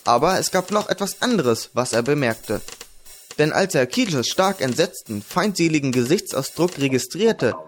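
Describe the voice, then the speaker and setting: A man narrates a fantasy audiobook in a measured, even reading. His voice sits a little high. Soft music plays faintly behind him.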